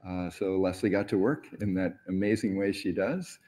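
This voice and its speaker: A middle-aged man speaks from a large indoor stage through a lapel mic. His voice sits low and mellow, and he tells his stories earnestly, pausing and hesitating as he reflects. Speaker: award honoree on stage. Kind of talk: onstage interview storytelling.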